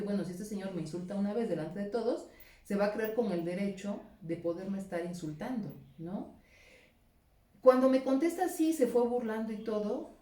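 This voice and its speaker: Woman, school principal, animated storytelling, warm mellow voice, roomy echo, a bit off-mic. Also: medium pitch, distant mic. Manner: animated storytelling, acting out quoted exchanges. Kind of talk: recounting a personal anecdote.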